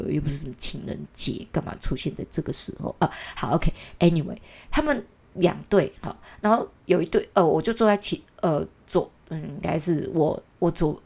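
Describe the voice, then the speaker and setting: A woman's voice: on the low side, gravelly, darkish tone, breathy edge. A woman from Taiwan with a Taiwanese Mandarin accent, telling a story in a casual, chatty way, exasperated and full of mocking asides. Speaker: vlogger.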